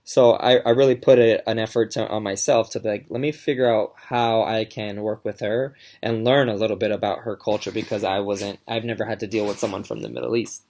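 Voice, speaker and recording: A young student gives a casual class presentation, speaking hesitantly with many fillers and restarts. His voice is fairly low and a little mellow, and he talks a bit fast with few pauses.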